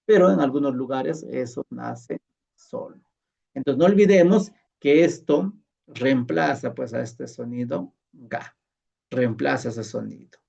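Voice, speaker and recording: A man teaching a language class, slowly and patiently repeating sounds and checking that his colleagues follow. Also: mid-range voice, gravelly, dark tone, husky, recorded from a distance. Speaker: Quechua teacher. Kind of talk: classroom lesson. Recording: muffled sound from away from the mic.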